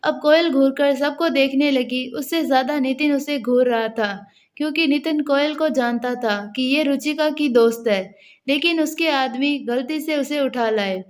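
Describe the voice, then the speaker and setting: A woman's voice: high voice, measured pace. A woman narrating a romance story, reading every character's lines in the same plain storytelling voice.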